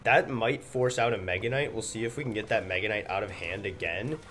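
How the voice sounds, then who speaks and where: A man's voice: on the low side, fairly quick. A young man with a slightly congested, stuffy nose gives casual gameplay commentary as a gaming video host. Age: young adult. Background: loud music.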